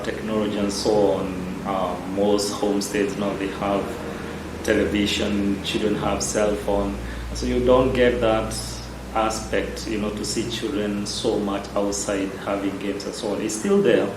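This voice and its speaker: A man from Kenya with a Kenyan accent, a parish priest answering interview questions in a measured, hesitant way. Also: on the low side, level tone, background noise. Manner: measured, unhurried, with frequent hesitations. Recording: roomy echo with loud background ambience.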